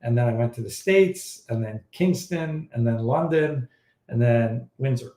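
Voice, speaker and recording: A man answers fertility questions on a casual live stream, blunt and animated, sometimes openly exasperated. His voice sounds mellow and a little dark. The room gives it a noticeable echo. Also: mid-range voice, measured pace. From Iran.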